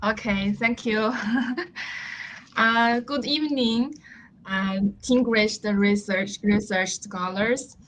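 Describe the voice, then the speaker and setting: A woman professor with a Chinese accent, giving an academic presentation in halting English over a video call. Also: fairly bright tone, low-quality recording. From China. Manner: halting, many uh pauses. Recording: faint noise with low rumble.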